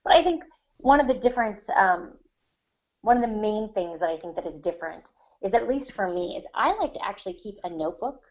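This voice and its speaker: On a podcast panel, a woman with a mid-range, expressive voice talks briskly about writing craft, casual and reflective, explaining things at length. The audio sounds dull.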